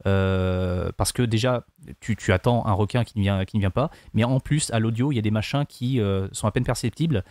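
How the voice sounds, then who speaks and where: A man's voice: fairly low pitch, a little fast, a little mellow, no echo. A man discussing films casually as a panelist, often searching for his words. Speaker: podcast panelist.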